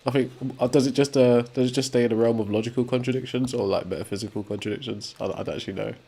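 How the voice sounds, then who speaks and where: A young man streaming, chatting casually while he plays a game, sometimes breaking into sudden excited shouts. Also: mid-range voice, very fast, vocal fry. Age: young adult. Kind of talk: casual live chat while gaming.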